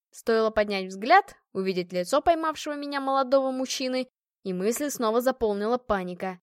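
A woman's voice: a little high, no echo, clean studio sound. A woman narrating a first-person fantasy audiobook with a tense, emotional reading.

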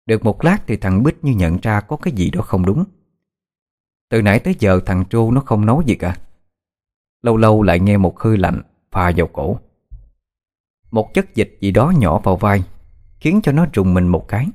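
A man's voice: fairly low pitch, animated, moderate pace, pauses often, a little mellow. A man narrating a horror story in a dramatic, suspenseful way.

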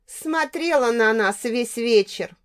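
A woman's voice: a little high, animated, slow pace. A woman reading as a drunk, taunting young man. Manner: taunting, sneering. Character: drunk aggressive young man, mocking ex-boyfriend.

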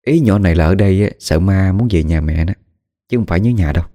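A man narrates a ghost story in a casual, colloquial style, talking fast in a very low, mellow voice and breaking into dramatic exclamations.

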